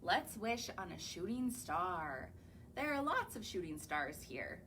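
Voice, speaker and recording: A young woman who works as a children's librarian reads picture books aloud to small children, coaxing them along with questions. Her lowish voice is sing-song, slow and a bit bright. It was recorded on camera in a library or home, with slight background noise.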